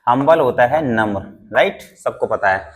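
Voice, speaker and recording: A man's voice: medium pitch, expressive, measured pace. A man teaching English vocabulary in Hindi, repeating each word, spelling it letter by letter and quizzing his students. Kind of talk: Hindi-language classroom lesson.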